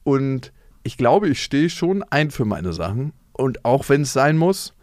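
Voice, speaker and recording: A man's voice: medium pitch, measured pace, dry recording, studio quality. A man, co-hosting a casual podcast chat and acting out the people in his stories. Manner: animated storyteller, acts out quotes in voices. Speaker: podcast co-host.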